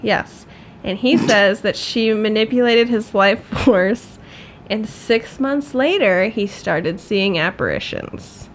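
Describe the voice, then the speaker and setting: A woman's voice: mid-range voice, takes it slowly, a little hiss or hum. A woman co-hosting a podcast, chatting casually, laughing often and poking fun at herself. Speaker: podcast co-host.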